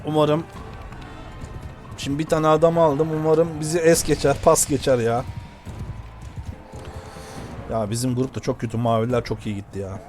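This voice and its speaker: Excitable man commentating a game. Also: mid-range voice, moderate pace, pauses often, faint music behind. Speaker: gameplay commentator.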